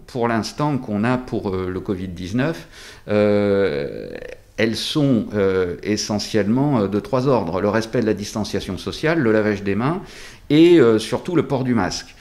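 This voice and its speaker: A man speaking through a face mask as a doctor in an interview, explaining things deliberately with hesitant pauses. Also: on the low side, a little mellow. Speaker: doctor at a local practice being interviewed.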